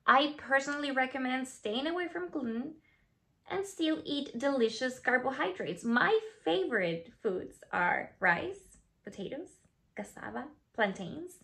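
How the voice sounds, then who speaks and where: With a high, unhurried voice touched by vocal fry, a skincare founder from Venezuela speaks playfully to camera from a script in a plain indoor studio. She's in her thirties, Spanish is her first language, and she has a Venezuelan Spanish accent. Her animated delivery drops now and then into whispers and asides.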